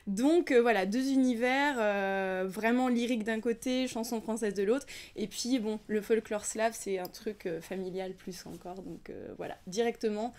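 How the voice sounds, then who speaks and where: A woman's voice: mid-range voice, moderate pace, few pauses, darkish tone. A young adult woman, a singer and singing teacher, talking thoughtfully in an interview, hesitating often and sometimes dropping to a near-whisper. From Ukrainian family background, raised in France. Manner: thoughtful, hesitant with many fillers, drops to near-whisper at times. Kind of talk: casual interview talk.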